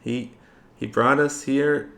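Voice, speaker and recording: A man voicing a timid, poor little girl in a small, soft, hesitant voice, in a tabletop game. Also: mid-range voice, steady tone, slow pace, gravelly, pitched above the performer's own voice. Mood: timid, sad. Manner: hushed, hesitant. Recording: roomy, echoing room.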